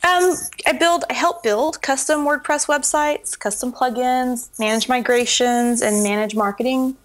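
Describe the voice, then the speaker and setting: A woman's voice: high-pitched, unhurried. A woman speaking casually as an interview guest, telling things in an anecdotal, conversational way. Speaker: interview guest, web business consultant.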